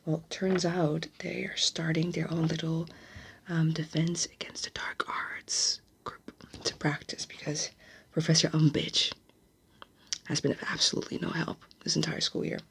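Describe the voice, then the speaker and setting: Low, hushed woman in secretive whispered role-play. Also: level tone, unhurried, vocal fry. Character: gossipy, bookish young witch student at a magic school.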